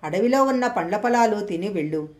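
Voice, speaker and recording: A woman voicing an old male monkey demigod, weary and wise, in a calm, patient storybook reading. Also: mid-range voice, brisk, lightly acted.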